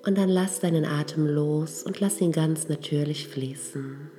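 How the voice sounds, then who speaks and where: Slowly and softly, a woman with a low, mellow voice leads a meditation. She gives her instructions in a calm, unhurried tone from start to finish, with faint music underneath.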